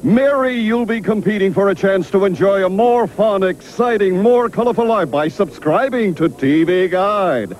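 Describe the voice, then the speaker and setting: A man's voice: sits high, moderate pace, hardly any pauses, darkish tone, a little hiss or hum, natural voice, low-quality recording. An actor playing a chipper, eager TV game show host in a commercial, exclaiming like a showman. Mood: upbeat showmanship. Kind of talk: game show announcer parody ad read. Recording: music bed behind the voice.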